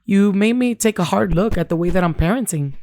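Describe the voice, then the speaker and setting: A woman in her thirties co-hosting a podcast, talking in an animated, chatty way and slipping in Spanish phrases. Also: mid-range voice, a little fast, no echo, clean studio sound. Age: 30s. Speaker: podcast co-host. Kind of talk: casual chat.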